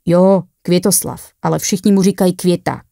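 A woman voicing a gruff but friendlier male ambulance driver who speaks in a matter-of-fact way. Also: on the low side, fairly even intonation, warm tone, dry recording, clean studio sound.

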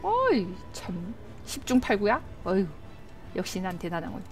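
A woman streaming a game live, excitable, often shouting and laughing and answering her chat. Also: mid-range voice, normal speed. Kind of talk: live gameplay commentary. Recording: game music playing clearly behind. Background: game music.

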